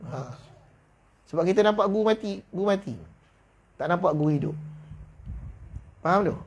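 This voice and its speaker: High-voiced Malaysian man teaching religion. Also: expressive. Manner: slow deliberate reading of kitab passages, then brisk colloquial explanation with laughs; acts out voices in quoted stories. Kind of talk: mosque lecture reading from a book. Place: mosque hall.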